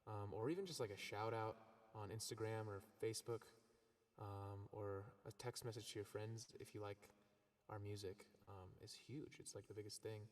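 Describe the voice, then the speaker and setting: A man's voice: lowish voice, normal speed. A man, a singer-songwriter, chatting casually between songs on a live stream, his voice drenched in an echo effect that sounds like a big cave, rambling with lots of ums. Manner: rambling, relaxed, filled with ums and likes.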